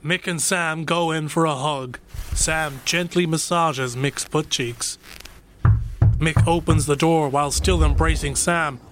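An actor playing a vain, mock-serious narrator of a steamy comedy romance, melodramatic and pompous. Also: male voice, a little high, fairly even intonation, measured pace, fairly bright tone, slight background noise.

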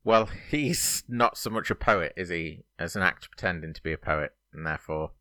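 A man's voice: low voice, moderate pace, bright, forceful tone, no echo, studio quality. A man co-hosting a podcast in casual chat, teasing his co-host with playful banter.

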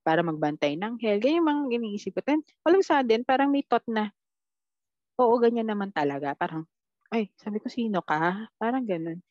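A woman telling her experiences as a podcast guest, quoting her own dialogue in a blunt, animated way. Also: a little high, a little fast, dry recording, highs cut off. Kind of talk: casual storytelling chat.

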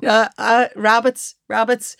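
A woman's voice: a little high, flat delivery, slow pace, creaky, fairly bright tone, no echo, clean studio sound. A woman from Ireland co-hosting a podcast in casual chat, bantering, laughing a lot and giving advice. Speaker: podcast co-host.

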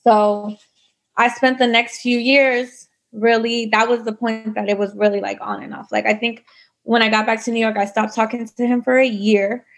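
A woman from the United States, with a slightly high, level voice at a normal pace, tells her own story as a guest in a casual interview. She's chatty and full of "like" and "you know."

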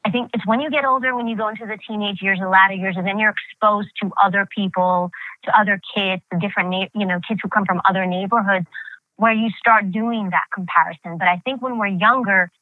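A woman in her thirties from New York, United States, tells her family story as an interview guest, candid and reflective, with many fillers and restarts. Her medium-pitched voice is fast and fairly even in intonation. The dry recording sounds tinny and phone-like, with no echo.

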